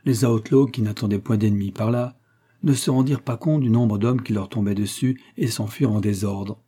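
Un narrateur de livre audio, lecture posée et régulière, voix grave et feutrée au grain légèrement voilé. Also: male voice, lowish voice, breathy edge. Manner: steady, measured. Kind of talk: audiobook reading of an adventure novel.

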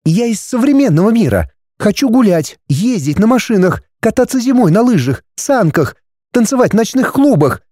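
A man voicing a sharp-tongued young woman from the modern world, speaking high and exclaiming. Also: sing-song, normal speed, no echo, clean studio sound. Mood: demanding.

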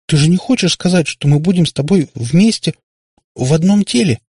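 A timid little girl, put on by a male reader, stammers on the edge of tears. The voice sits high and husky, close to the mic in a dry space. She sounds small and frightened in this audiobook. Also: fast talker, warm tone, dry recording. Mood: near tears.

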